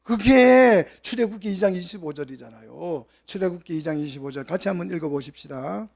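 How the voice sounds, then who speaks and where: A man preaching a Bible exposition sermon, questioning the congregation and swinging between soft asides and loud, emphatic peaks. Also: on the high side, expressive, quick pace, creaky, slightly rough. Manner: asks the congregation questions and acts out quoted voices.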